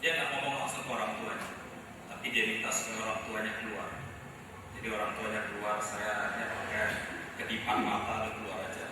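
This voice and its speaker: A man's voice: fairly low pitch, little pitch movement, brisk, distant mic. A man with an Indonesian accent preaching a sermon, telling a story to the congregation and addressing them directly. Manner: addresses congregation as saudara, storytelling, rising to loud emphatic preaching. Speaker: pastor. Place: large church hall. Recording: echoey church hall, voice from afar, noisy.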